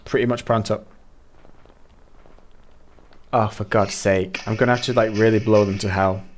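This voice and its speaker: A man with a Mancunian accent, streaming a game and chatting to his viewers, excitable and dramatic, jumping from squeals to mutters. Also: fairly low pitch, normal speed, slight background noise. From Manchester, England. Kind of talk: casual game streaming chat.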